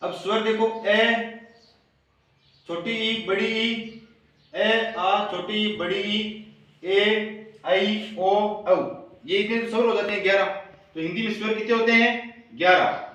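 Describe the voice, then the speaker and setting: High bright-voiced teacher in an echoey room. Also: male voice, steady tone, slow, long pauses. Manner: call-and-response questioning, repeats answers. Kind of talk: classroom Hindi grammar lesson. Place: classroom with students. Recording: very echoey room, voice far from mic.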